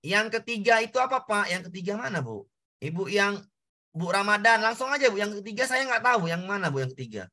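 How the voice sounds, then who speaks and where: A man's voice: high voice, very animated, a little fast, sharp tone. A man tutoring an online class, explaining exam answers step by step, repeating key points and addressing students directly.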